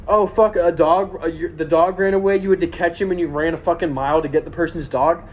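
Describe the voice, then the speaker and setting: A man's voice: a little high, steady tone, quick pace, slight background noise. A young man giving an earnest, blunt, swear-heavy motivational monologue to viewers while walking on a treadmill. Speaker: vlogger.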